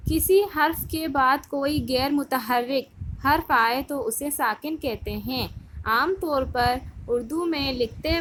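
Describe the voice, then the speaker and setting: High-voiced woman teaching children grammar. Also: a bit bright, slight background noise. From India. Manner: patient, asks the class questions and answers them herself. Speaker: school Urdu teacher. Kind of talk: recorded grammar lesson for children.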